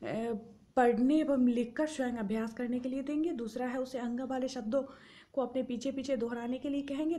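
A woman tutor reading exam questions aloud, listing each option in turn and then giving and explaining the answer, in a steady, methodical manner. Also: sits high.

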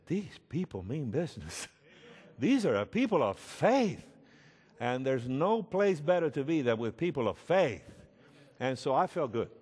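A man preaching a sermon as a pastor, telling a story slowly and emphatically and rising to shouts at its peaks. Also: fairly high pitch. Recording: echoey hall with long reverb.

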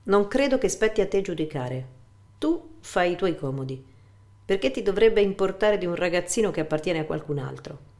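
A woman's voice: on the low side, expressive, normal speed. A woman reading as a bitter, suspicious grown son. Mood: accusing. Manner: sharp, accusing questions.

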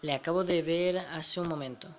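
A young Spanish-accented gamer from Spain, his voice on the high side and fairly bright, talks at normal speed with fairly even intonation, a little hiss or hum in the background. He casually narrates his let's play, chuckling and reading the on-screen dialogue aloud.

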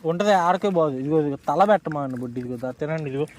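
Quick high-voiced young man chatting. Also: slight background noise. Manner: chatty, calling out to his mother. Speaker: son helping feed puppies. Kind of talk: casual family chat. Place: outdoors by a road.

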